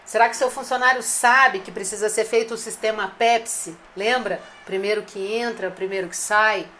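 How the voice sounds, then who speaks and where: A woman's voice: mid-range voice, steady tone, normal speed, pushed and bright, a little hiss or hum. A woman giving a direct, coaching business talk to restaurant owners, speaking to them familiarly. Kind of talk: live-streamed business advice talk.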